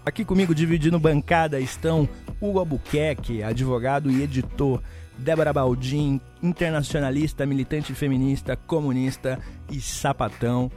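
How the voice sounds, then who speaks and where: A man, co-hosting a podcast and introducing the panelists around the table in a warm, introductory way. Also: mid-range voice, fairly even intonation, normal speed, faint music behind. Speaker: podcast co-host.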